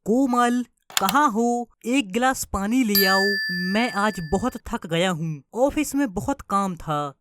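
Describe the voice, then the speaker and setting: A woman voicing an irritable, easily frightened young husband in an animated story, demanding and stammering. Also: mid-range voice, takes it slowly, very noisy. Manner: demanding, then panicky and stammering.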